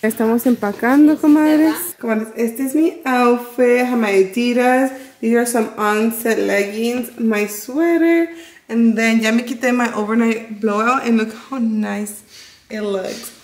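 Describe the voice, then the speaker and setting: A woman's voice: fairly high pitch, slow. A young woman vlogging casually into a phone camera, mixing Spanish and English and getting emotional. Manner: chatty, emotional, switches languages mid-sentence. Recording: phone vlog with clear background noise.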